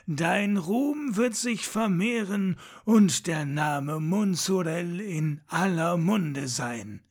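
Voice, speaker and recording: A man's voice: high voice, lively intonation, slow pace, a little mellow, heavily acted. A man voicing a proud, boastful male warrior comrade in a storybook, teasing and good-humored.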